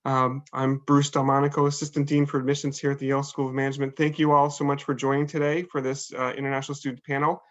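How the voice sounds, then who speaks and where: Steady, halting man on a video call. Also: mid-range voice. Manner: halting, many fillers and restarts. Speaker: admissions dean hosting a panel. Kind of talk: online panel welcome. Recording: dull lo-fi video call audio.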